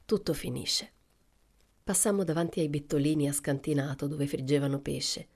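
A woman narrating a novel for an audiobook in a calm, measured way, with soft whispered asides. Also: low-pitched. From Italy. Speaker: audiobook reader.

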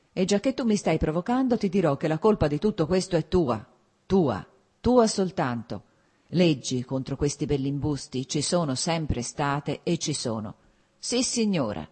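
A woman's voice: deep voice, warm tone, breathy edge. A woman reading the part of a blunt, teasing old prince and father in a storybook. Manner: blunt, scolding.

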